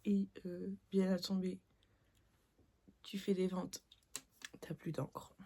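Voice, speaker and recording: Low, mellow young Frenchwoman chatting casually. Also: level tone, slow pace, husky. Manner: informal, rambling, trailing into filler words. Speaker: vlogger, mother. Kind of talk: casual vlog chat to viewers. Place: at home.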